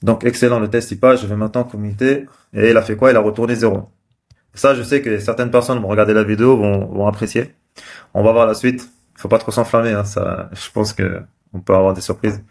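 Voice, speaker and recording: A man's voice: fairly low pitch, fairly even intonation, brisk, gravelly. A man casually talking through code on screen, thinking aloud with many fillers and restarts. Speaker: developer live-coding host. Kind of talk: casual screen-share commentary.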